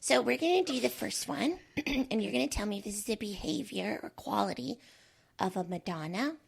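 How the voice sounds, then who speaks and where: A woman playing a chipper, breathy, zealous femininity coach in an improvised comedy sketch. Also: a little high, lively intonation, fairly quick, heavily acted. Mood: perky.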